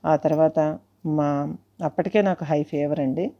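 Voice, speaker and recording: A woman narrating a first-person story to listeners, unhurried and politely addressing them as she goes. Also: deep voice, steady tone, lo-fi sound.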